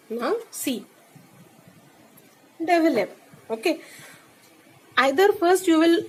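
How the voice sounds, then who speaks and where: Woman teacher, classroom lesson, very slow and deliberate, high voice. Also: rough recording. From India. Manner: slow and deliberate in English, much quicker when switching to Hindi; checks in with repeated "okay?".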